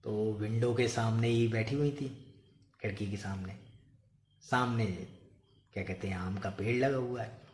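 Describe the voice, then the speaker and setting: A man vlogger telling a homely family story, gently and repetitively, then giving advice. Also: on the low side, steady tone, unhurried, pauses often, reverberant.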